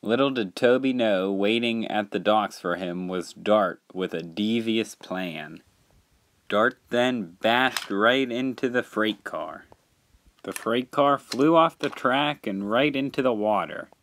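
A man narrating a homemade storybook tale in a plain, measured reading. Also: lowish voice, fairly bright tone, a little hiss or hum.

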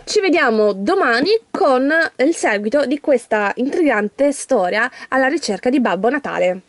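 A woman's voice: a little high, lively intonation, moderate pace, no echo. A woman vlogging in a chatty way, talking straight to her viewers and reading a children's story aloud. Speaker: YouTuber opening an advent calendar. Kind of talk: casual vlog chat and reading a story aloud.

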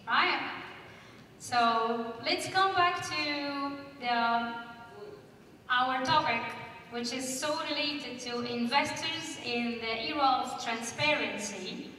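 On the stage of a large conference hall, a woman with a high-pitched voice speaks slowly into a handheld mic during a panel, putting lively questions to the audience. The recording is echoey and captured from far off, with a little hiss or hum.

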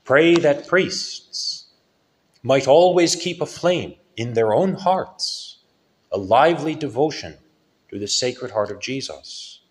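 Slow, solemn male priest preaching. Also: mid-range voice. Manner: slow, solemn preaching with lively rises and falls. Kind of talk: sermon.

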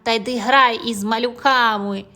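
A woman's voice: a little high, steady tone, normal speed, sharp tone. A woman voicing a gang of older kindergarten boys who mock and boast, in an audio fairy tale. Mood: taunting. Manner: taunting.

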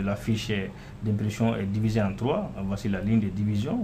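A man with a fairly low voice talks through a software demo in a relaxed, unscripted way, filling pauses as he clicks from screen to screen. A faint background hum sits under his voice. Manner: casual, repeats "voilà" and "euh" while clicking through. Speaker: software developer demonstrating his app. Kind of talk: screen-recorded software walkthrough.

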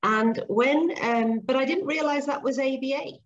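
A woman's voice: high-pitched, moderate pace. A middle-aged woman, a speech and language therapist, talking earnestly at length as a guest on a video-call interview from her home kitchen. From grew up in Zambia and Papua New Guinea. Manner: chatty, earnest, explains at length. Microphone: laptop webcam mic on video call. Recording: dull lo-fi call audio, faint noise.

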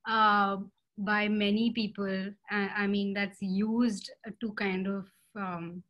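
A woman's voice: medium pitch, little pitch movement, takes it slowly, dull audio. Hesitant woman on a video call. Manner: hesitant, many fillers and restarts. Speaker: panelist artist. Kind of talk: casual video call discussion. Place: home room indoors. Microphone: laptop webcam video call.

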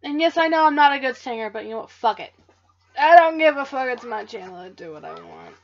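A woman's voice: sits high, expressive, quick pace, lo-fi sound. A woman hosting a let's play, giving casual gameplay commentary in a jokey, profane, self-mocking way.

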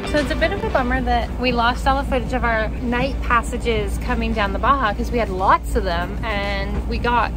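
A woman's voice: a little high, very noisy. A woman in her thirties, narrating a sailing family vlog in a chatty, upbeat, self-deprecating way, filmed close up on deck at sea. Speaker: sailing vlogger. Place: outdoors on a sailboat deck at sea.

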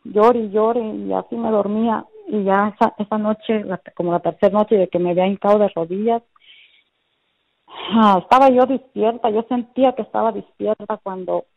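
A woman's voice: medium pitch, fairly even intonation, moderate pace, vocal fry. Earnest woman recounting, dull lo-fi sound. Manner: earnest, repetitive storytelling with many fillers. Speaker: guest giving a faith testimony. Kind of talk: personal religious testimony.

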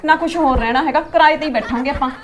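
Woman doing a nagging village wife, very high fast voice, snaps right back, faint hum behind. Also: close to an everyday voice. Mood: scolding. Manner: nagging, scolding, quick retorts. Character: sharp-tongued skeptical village wife. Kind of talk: comic sketch acting.

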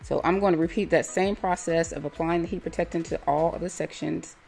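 A woman with a notably low voice talks through a hair tutorial as a voice-over. She explains each step calmly and plainly, like a stylist teaching viewers. Soft music plays faintly underneath. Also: brisk, vocal fry. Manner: calm, step-by-step instructive.

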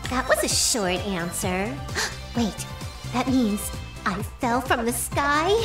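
A woman's voice: on the high side, expressive, slow, over music. A woman voicing a bubbly, scatterbrained and cheeky young girl heroine in an anime video game, playful and dramatic. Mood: friendly, surprised. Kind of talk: English video game voice acting.

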